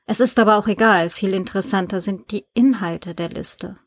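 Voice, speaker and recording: A polite, persistent male journalist in an audiobook, read by a woman. He asks questions in a calm, businesslike way. The recording is dry and close. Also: mid-range voice, normal speed, dry recording, lightly acted. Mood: explaining.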